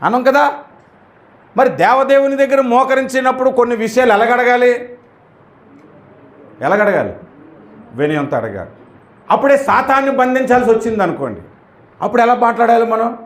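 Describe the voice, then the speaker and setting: A man's voice: very high voice, very animated, normal speed, long pauses. A male pastor preaching emphatically, acting out prayers and rebukes to show how they should sound. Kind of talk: sermon. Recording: echoey room.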